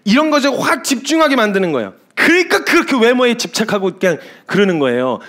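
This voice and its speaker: High, animated male preacher. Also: fast. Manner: emphatic storytelling with lively asides. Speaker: missionary preacher. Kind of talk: sermon.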